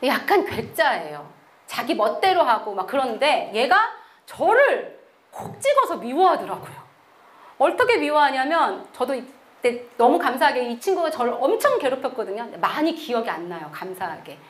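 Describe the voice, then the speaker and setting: A middle-aged woman missionary tells her testimony in an animated, storytelling way. Her voice sits high and moves expressively up and down, and she slips into the voices of the people she quotes. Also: moderate pace. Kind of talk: testimony sermon.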